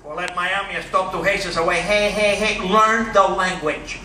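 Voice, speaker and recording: Comedian teasing a big room. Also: male voice, high voice, fairly even intonation, normal speed. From Cuba. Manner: punchy, teasing the crowd. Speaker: stand-up comedian. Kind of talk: stand-up comedy set. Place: large cruise ship theater stage. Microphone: handheld mic, filmed from far back in the hall. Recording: roomy theater sound from far off, loud crowd and noise.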